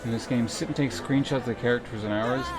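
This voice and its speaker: A man's voice: mid-range voice, fairly even intonation, fast talker. A man giving casual, off-the-cuff commentary while playing through a video game. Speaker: game streamer. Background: music.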